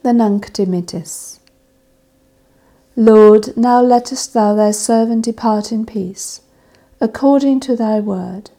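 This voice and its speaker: A woman leading a church service, reading scripture and prayers in a measured, solemn intoning manner. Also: fairly high pitch, warm tone. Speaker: service officiant. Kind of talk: liturgical reading of evening prayer.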